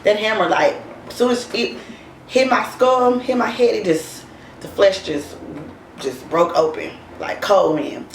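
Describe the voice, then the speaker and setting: A woman's voice: mid-range voice, a little slow, creaky, far from the mic, slight background noise. Blunt, profane young woman in a roomy space. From Oklahoma. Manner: blunt and profane, frank about hard past. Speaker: interview guest. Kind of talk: candid casual storytelling. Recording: roomy echo, voice off-mic, faint music behind.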